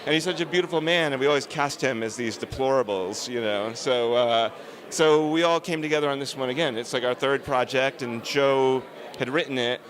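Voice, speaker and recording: A man's voice: mid-range voice, fairly quick, fairly bright tone. Earnest man giving a red carpet interview. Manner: earnest, emphatic, discursive. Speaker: film director, interviewee.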